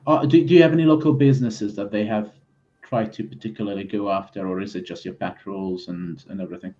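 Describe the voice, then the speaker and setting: A man improvising as a player in a tabletop game, speaking politely and haltingly. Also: on the low side, steady tone, mellow, lo-fi sound. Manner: hesitant, halting, polite phrasing. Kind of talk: improvised in-character game talk.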